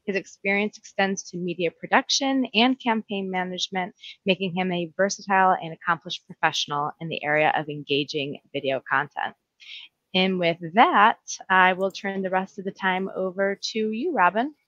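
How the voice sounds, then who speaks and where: A woman introduces a webinar session, reading housekeeping notes with small fillers in between. Her voice is on the low side, and the sound is dry and somewhat dull, like a call recording. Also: normal speed, a bit bright, dry recording. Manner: reads announcements with fillers. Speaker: webinar host. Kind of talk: scripted introduction.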